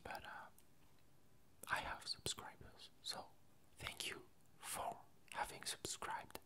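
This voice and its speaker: An ASMR video creator offers whispered, meandering small talk at a slow pace with a bright tone. They speak hesitantly, breaking off and revising what they say.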